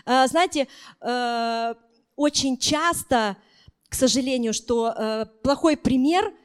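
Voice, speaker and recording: A woman preaching a sermon, telling anecdotes that grow loud and animated, paused for an interpreter. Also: high-pitched, clean tone. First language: Russian. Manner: storytelling, grows loud and animated when telling of shouting parents.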